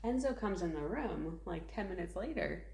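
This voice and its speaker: A woman in her thirties co-hosts a casual parenting podcast in a lowish, gravelly, darkish voice, speaking expressively at normal speed. She's a chatty mother who laughs a lot and fills her talk with "like." The room sounds echoey.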